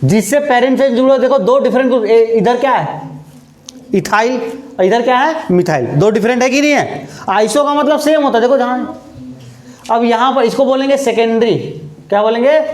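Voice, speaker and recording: A man teaching chemistry in a classroom lecture, asking questions and answering them himself, repeating key terms and slowing down while he writes. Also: extremely high pitch, animated. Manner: slows down while writing on the board. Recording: echoey room.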